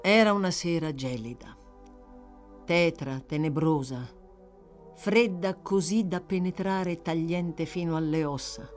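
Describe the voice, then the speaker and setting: Slow, dramatic woman reading a novel. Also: on the low side, soft background music. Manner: dramatic, lingering on words, strongly varied phrasing. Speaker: audiobook reader. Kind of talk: expressive scripted narration of a classic novel.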